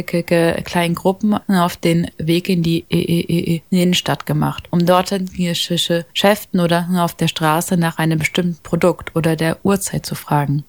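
A woman's voice: lowish voice, dry recording. Woman reporter who stutters. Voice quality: stutters, with repeated sounds and fillers. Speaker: radio reporter. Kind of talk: read radio feature narration.

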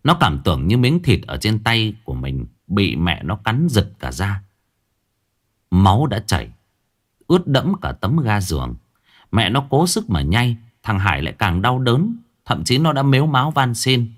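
A man narrating a horror story in a dramatic, expressive storytelling manner. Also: lowish voice, normal speed.

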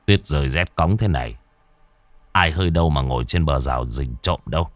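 A grumbling, dismissive village father mutters his lines low and soft in a spoken horror story. A man acts him out. The recording is dry and intimate. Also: a little fast, no room sound. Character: gruff, dismissive village father, middle-aged.

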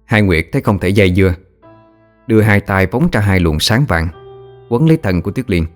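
Man narrating a horror story, low voice. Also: expressive, fairly quick, faint music behind. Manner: dramatic, vivid narration.

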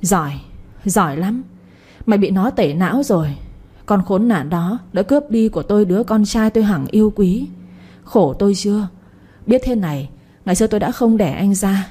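A woman's voice: medium pitch, lively intonation, normal speed, warm tone, husky. A woman voicing a bitter scolding old mother. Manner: reproachful, scolding. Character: embittered older mother, possessive and scolding.

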